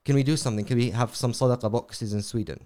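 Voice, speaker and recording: A man being interviewed as a charity representative, explaining in a measured way and sometimes drifting off on tangents. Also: mid-range voice, fairly even intonation, warm tone. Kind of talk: conversational interview.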